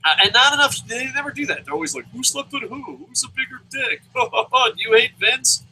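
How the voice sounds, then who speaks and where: A Japan-based man runs a laid-back wrestling review podcast, rambling with plenty of swearing and stammered restarts. His very high voice is pushed and bright, moving fairly quickly. Poor audio with a little hiss or hum.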